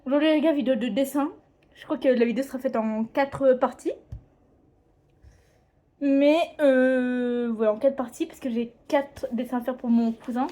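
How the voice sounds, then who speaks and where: A teenage girl talks casually at home, setting up a drawing video. Her voice sits a little high but sounds mellow and soft-edged. She rambles, hesitates and keeps correcting herself mid-sentence. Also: fairly even intonation, normal speed. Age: teens. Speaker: drawing vlogger. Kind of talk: casual chat. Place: home, indoors.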